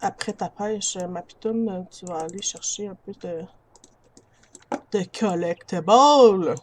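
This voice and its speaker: A woman's voice: lowish voice, steady tone, normal speed, darkish tone, slight background noise. Chatty Quebec French woman gaming. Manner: chatty, addresses viewers as friends, laughs easily. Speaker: gamer. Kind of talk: casual gameplay commentary. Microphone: built-in computer mic.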